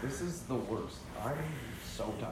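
A man's voice: medium pitch, animated, a little slow, background noise. A tired young man joining a casual late-night podcast, jokey and laughing.

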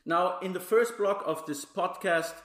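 A male podcast host reads a scripted introduction in a formal, measured way. His voice sits a little higher than most men's. The recording has a noticeable room echo around it. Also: fairly bright tone. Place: Brussels. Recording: roomy echo.

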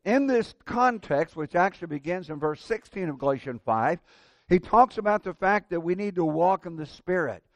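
A man preaching a sermon at a pulpit microphone, addressing his congregation in a deliberate, emphatic way. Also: high voice, animated, no echo. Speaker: preacher at a church. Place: church service, at a pulpit.

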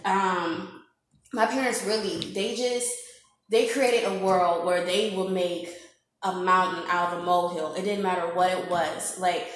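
A woman's voice: fairly low pitch, fairly even intonation, a little slow, very echoey, rough recording. A woman in her twenties from Illinois, a podcast guest, chatting upbeat with lots of fillers. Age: 20s. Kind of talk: casual chat.

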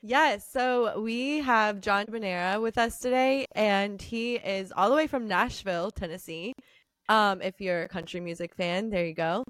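A woman's voice: mid-range voice, measured pace, fairly bright tone, no room sound. A woman co-hosting a podcast, introducing a guest in a friendly, casual way. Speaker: podcast co-host.

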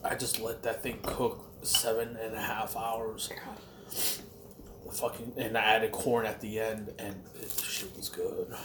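A man's voice: fairly low pitch, completely flat delivery, noisy background. Rambling man in a casual chat. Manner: rambling and profane, with frequent pauses.

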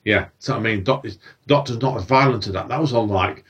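A man's voice: fairly low pitch, a little fast, fairly bright tone, breathy edge, distant mic, highs cut off. A man hosting a casual chat about films and TV, asking questions and sometimes mixing up his words. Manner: chatty, loses his words, asks questions. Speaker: podcast host.

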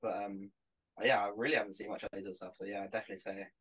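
A man's voice: fairly low pitch, fairly even intonation, rapid-fire, fairly bright tone, slightly rough, low-quality recording. A man chatting on a podcast, laid-back and hesitant, often repeating words. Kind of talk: casual podcast chat.

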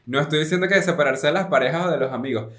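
A man's voice: on the high side, very fast, a bit bright, reverberant. A man co-hosting a podcast, chatting casually in an easygoing way, laughing often and restarting his phrases. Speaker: podcast co-host. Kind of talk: casual chat.

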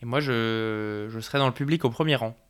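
A man's voice: mid-range voice, brisk, clear, resonant tone. Teasing young man in podcast banter. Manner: teasing, laughs often. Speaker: podcast co-host. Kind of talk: casual podcast chat.

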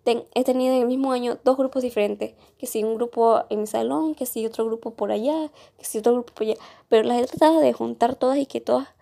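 A woman's voice: on the high side, fairly even intonation, quick pace, vocal fry, mellow. A young woman telling a school story in a casual, rambling podcast chat. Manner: rambling, many restarts and fillers.

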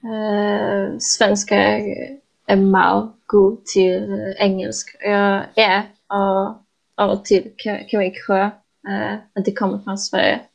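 A woman from Poland, a podcast guest, talking casually in a second language with many pauses, fillers and restarts, and often laughing. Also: medium pitch, level tone, creaky.

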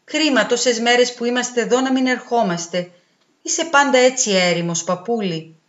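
Woman reading as a warm young girl student. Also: a little high, pitched above the performer's own voice, natural voice. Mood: tender. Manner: warm, caring. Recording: roomy, dull, with faint music.

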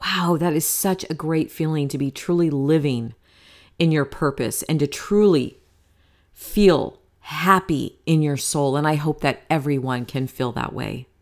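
With a deep voice and measured delivery, a podcast host in her forties talks solo about happiness. She's candid and chatty, sounding motivational and swearing casually now and then.

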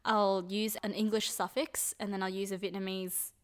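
A woman co-hosting a casual chat whose dry delivery sounds sarcastic even when she is sincere. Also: mid-range voice, moderate pace. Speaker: podcast co-host.

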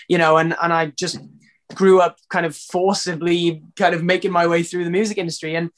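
A Welsh man from Wales, a singer talking casually in an interview, rambling with lots of fillers and restarts. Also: fairly high pitch.

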